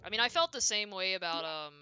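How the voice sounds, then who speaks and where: A woman's voice: mid-range voice, expressive, quick pace, sharp tone, dull audio, soft background music. A woman streaming a horror game, chatting casually and reacting aloud as she plays, self-deprecating and talkative. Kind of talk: casual gameplay commentary.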